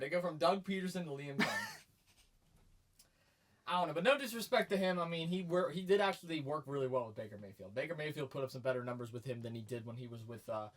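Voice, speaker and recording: A man co-hosting a sports podcast, chatting casually and getting emphatic and hyped as he argues his points. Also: medium pitch. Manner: energetic and emphatic, gets loud and hyped.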